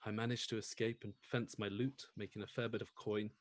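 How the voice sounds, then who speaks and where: A breathy, hushed air genasi thief with a low voice tells his own backstory in a tabletop game, as a man puts him on. The tone is soft and airy, measured and secretive. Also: level tone, natural voice. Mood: steady. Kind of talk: in-character backstory reading.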